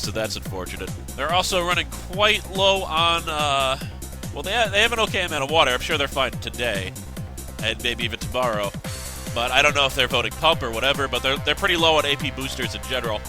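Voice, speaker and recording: Congested and fresh out of bed, a young host rambles casually through game news, correcting himself and tossing in jokes. He speaks quickly in a mid-range voice over music.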